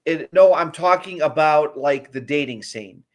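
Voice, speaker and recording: A man's voice: fairly high pitch, a little slow. Blunt, rambling man. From Ohio, Cleveland area. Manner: blunt, direct, rambling with restarts. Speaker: livestream host. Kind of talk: casual opinion livestream.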